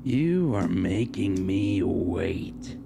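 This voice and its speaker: A man voicing a creepy male toilet fiend who speaks in a slow, low, gravelly, menacing way. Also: lively intonation, noisy background, exaggerated voice.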